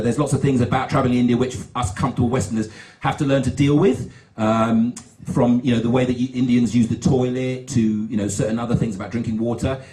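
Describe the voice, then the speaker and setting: A man's voice: medium pitch, mellow. A man performing stand-up patter as a spoken-word poet, talking in an informal, rambling way. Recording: roomy echo, music behind.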